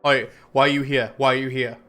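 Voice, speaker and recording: A man's voice: medium pitch, little pitch movement, a little fast, sharp tone. A man playing a tabletop game, giving blunt, decisive calls. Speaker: player.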